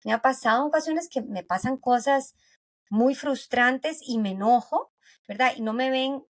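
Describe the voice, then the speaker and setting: A woman's voice: sits high, moderate pace. A woman from Costa Rica with a Costa Rican accent, a pediatric neuropsychologist guest explaining things conversationally and often adding "¿verdad?". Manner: tags sentences with "¿verdad?", explains with everyday anecdotes.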